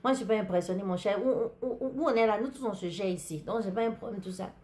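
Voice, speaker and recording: An African woman with an African French accent hosts a podcast, telling a personal story in a chatty, lively way and talking straight to her listeners. Her medium-pitched voice is fast, and there is a little hiss or hum in this casual storytelling monologue.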